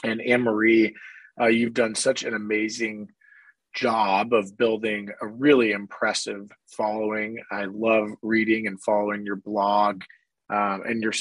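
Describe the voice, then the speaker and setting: Hoarse man hosting a podcast. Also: on the low side, level tone, unhurried, dry recording, poor audio. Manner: friendly, upbeat, uses many fillers. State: hoarse from a cold. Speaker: podcast host. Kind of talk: casual interview chat. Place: office.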